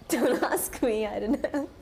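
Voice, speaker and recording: A young woman from Hong Kong, a film actress, answering interview questions in short, soft replies with frequent giggles. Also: on the high side, vocal fry, a little hiss or hum. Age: young adult.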